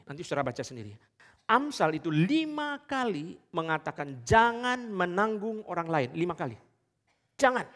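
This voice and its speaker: A male pastor preaches a sermon in a high voice, emphatic and keeps turning to address his congregation. His voice carries a long reverb from a large church hall. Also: a bit bright.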